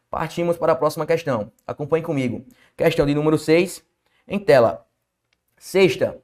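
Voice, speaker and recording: A man's voice: fairly high pitch, a little mellow. A man teaching a Brazilian Portuguese exam-prep lesson, emphatic, asking questions and answering them himself. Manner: emphatic, asks and answers his own questions.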